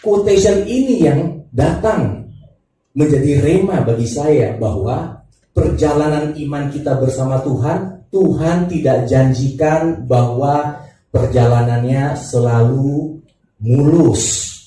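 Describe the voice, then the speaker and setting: Mellow-voiced pastor preaching in an echoey hall. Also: male voice, fairly high pitch. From Thailand. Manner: calls the congregation to respond, unhurried with pauses. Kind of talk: sermon with opening prayer. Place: church worship hall. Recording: very echoey hall, mic at a distance, faint music.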